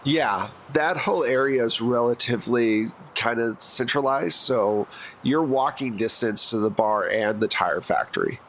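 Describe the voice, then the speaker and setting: A man acting as game master in a tabletop role-playing session explains scenes in a relaxed, laid-back way. His pitch is medium and his pace measured, with a little hiss or hum in the recording.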